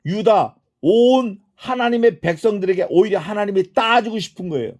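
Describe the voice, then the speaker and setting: A man's voice: high voice, normal speed, a little mellow. A middle-aged man preaching an expository sermon as pastor, asking the congregation questions and answering them himself, and acting out quoted prayers. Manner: acts out quoted prayers and speech.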